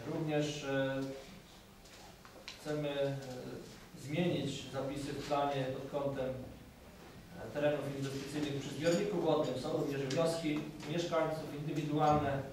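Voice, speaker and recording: A municipal official presents the budget in a formal council speech, halting often with many filler sounds. His slightly high male voice is flat, recorded from a distance in an echoey council meeting hall with background noise.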